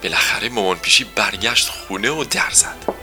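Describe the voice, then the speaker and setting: A man narrates a children's story in a gentle, storytelling way. His voice is strikingly bright and forceful. Soft music plays faintly underneath. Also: fairly low pitch.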